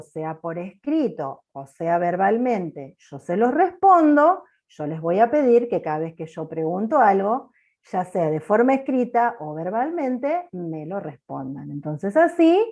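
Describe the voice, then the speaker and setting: Female accounting teacher, bossy and loud-sounding, lecturing on a video call. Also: medium pitch. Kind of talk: online class lecture.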